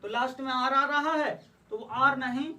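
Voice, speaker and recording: A woman teaching English pronunciation in a slow lesson, asking questions and answering them herself while repeating each example word. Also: high voice, fairly even intonation, bright, forceful tone. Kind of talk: slow classroom-style lesson. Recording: voice a bit distant from the mic.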